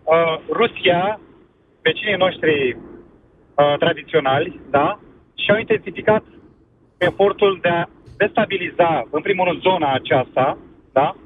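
A man's voice: a little high, long pauses. A man calling in to a radio show, arguing his point hesitantly with many fillers. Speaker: caller. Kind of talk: call-in opinion. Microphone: phone. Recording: tinny phone line with background hum.

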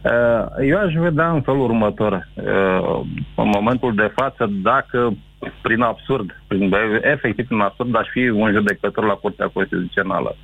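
A man calling in to a radio show, speaking hesitantly with lots of pauses and restarts. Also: fairly low pitch, vocal fry, no room sound. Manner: hesitant, many fillers and restarts. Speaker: caller. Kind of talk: call-in radio chat. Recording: tinny phone line.

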